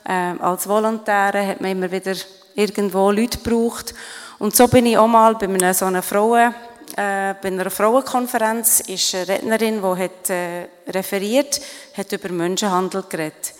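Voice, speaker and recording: A woman's voice: medium pitch, fairly even intonation, moderate pace. Earnest Swiss woman in a reverberant hall. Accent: Swiss German. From Switzerland. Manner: earnest, reflective, with many fillers and restarts. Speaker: guest speaker. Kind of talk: interview on stage at an event.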